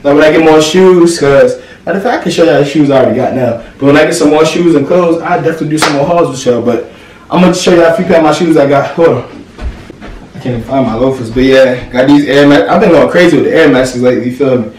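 A young man films a relaxed clothing haul, his fairly high voice set back from the camera in an echoey room with a faint hiss. He talks in loose slang and keeps checking in with the viewers. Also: fast talker, distant mic. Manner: slangy, laid-back, keeps asking "you feel me". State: out of breath. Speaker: vlogger. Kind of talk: casual haul vlog.

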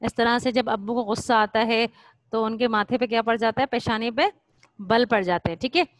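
A woman teaches young pupils in a slightly high voice. She is patient and explains things step by step. She often stretches single words out slowly and repeats them so children can follow. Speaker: primary school teacher. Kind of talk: recorded classroom lesson.

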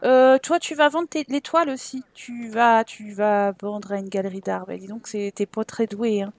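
A young woman chatting casually as she plays a life-simulation game, teasing her characters with quick exclamations. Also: mid-range voice, steady tone, no room sound. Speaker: let's play host. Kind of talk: casual gameplay commentary.

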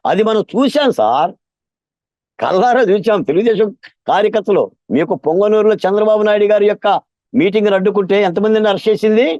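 A man speaking as a political guest in an impassioned interview, emphatic and repetitive, often growing loud and intense. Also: sits high, fast talker, dry recording, muffled recording. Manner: emphatic, repeats lines, gets louder and more intense.

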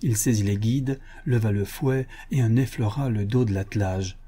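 Low, husky male audiobook narrator. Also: normal speed, mellow. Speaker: audiobook reader.

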